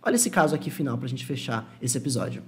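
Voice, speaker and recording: A man with a Brazilian Portuguese accent teaching an English lesson, explaining patiently and slowing down to model English phrases. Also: mid-range voice, big pitch swings, soft background music. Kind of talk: online language lesson.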